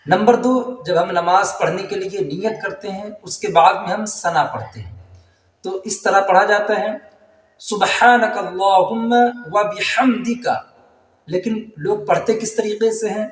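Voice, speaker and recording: A high-voiced man teaching how to pray, earnest and pleading, who draws the Arabic phrases out very slowly when he recites them. He stands away from the mic, and his voice rings with a long, roomy echo. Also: recorded from a distance. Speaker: religious teacher. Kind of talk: instructional talk on prayer.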